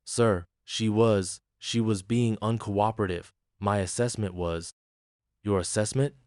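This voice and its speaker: A man's voice: on the low side, steady tone, measured pace, darkish tone, no echo, clean studio sound, natural voice. A man reading a grim, stern old general. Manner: grim, cold and clipped. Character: stern commanding older male general.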